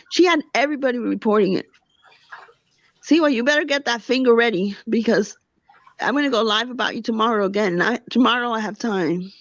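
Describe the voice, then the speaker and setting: A woman's voice: on the high side, gravelly, dry recording. A woman hosting a livestream, ranting indignantly and answering her chat. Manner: indignant, rapid, talks back to chat. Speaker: livestream host. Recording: dull lo-fi dry sound.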